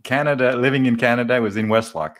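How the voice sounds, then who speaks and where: A man's voice: medium pitch, fast talker, fairly bright tone. A man from Vietnam hosting a casual interview, asking friendly questions in a hesitant way with many "uh" fillers. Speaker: host.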